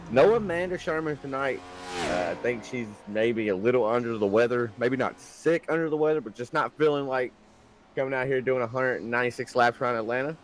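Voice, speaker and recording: A man with a Southern US accent fills the air as co-commentator on a live sim-racing broadcast. He talks over a headset in a folksy, easygoing way, with an everyday mid pitch. A little hiss runs under his voice. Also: brisk. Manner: folksy and easygoing, calls his partner brother and buddy. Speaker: race co-commentator.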